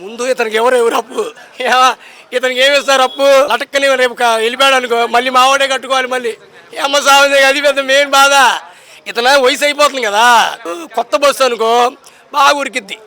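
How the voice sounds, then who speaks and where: A man's voice: very high voice, fairly even intonation, fast, pushed and bright. A young man, arguing politics outdoors in a street poll, emphatic and combative, firing off rhetorical questions. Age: young adult. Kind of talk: impassioned political street talk.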